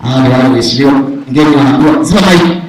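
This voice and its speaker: A man's voice: medium pitch, rapid-fire. A man with a Tanzanian accent speaks as master of ceremonies at a live event, addressing the audience in a playful, informal way. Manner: playful, informal, with call-and-response. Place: large echoing hall at an event. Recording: echoey hall, distant mic, faint noise.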